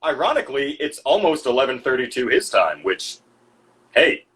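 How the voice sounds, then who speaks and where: A man's voice: medium pitch, very animated, normal speed, a bit bright, slightly rough. A man co-hosting a podcast in casual chat, dry and joking as he reads out messages from the chat. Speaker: podcast co-host.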